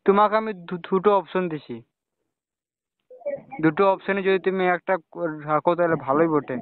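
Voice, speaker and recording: A young man with a high-pitched voice chats casually at a moderate pace on a private phone call to his romantic partner, frequently tacking on short questioning tags. The recording is dull, lo-fi phone audio.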